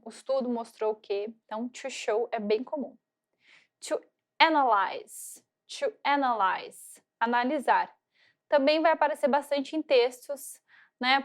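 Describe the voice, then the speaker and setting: A female English teacher gives a recorded lecture, drawing out words slowly in pronunciation drills and checking in with "ok?". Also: fairly high pitch. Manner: slow drawn-out repeated pronunciation drills; frequent check-ins with "tá?" and "ok?".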